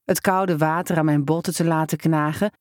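A storyteller reads a first-person story in a steady, measured voice of middle pitch. The take is close and dry, with no room around it. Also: no room sound.

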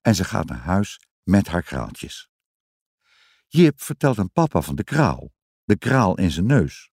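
Low-voiced man reading a children's story. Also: takes it slowly, vocal fry, husky, no room sound, clean studio sound. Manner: expressive, sing-song storytelling. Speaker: narrator. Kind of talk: children's story read aloud.

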